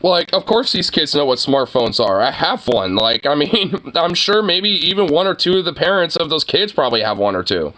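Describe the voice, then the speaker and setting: Guy streamer ranting at a clip, lots of "like, you know", swears a lot, highish bright voice. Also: big pitch swings, moderate pace, few pauses. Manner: profane, laughing, rambling with many fillers. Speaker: streamer reacting to a video. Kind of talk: casual reaction commentary.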